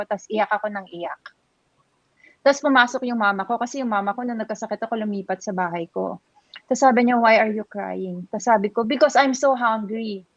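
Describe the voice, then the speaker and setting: A woman's voice: mid-range voice, no echo, dull audio. A woman with a Filipino accent, earnestly sharing her experience as a survivor in a chat, mixing Tagalog and English. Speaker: breast cancer survivor guest. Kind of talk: personal testimony in a chat.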